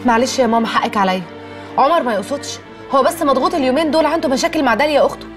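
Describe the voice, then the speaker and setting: Over music, a high-voiced actress speaks rapid-fire with an Egyptian accent in a lightly acted role. She's a chatty young wife and daughter who coaxes her husband and calms her mother, playing peacemaker with a touch of mild reproach.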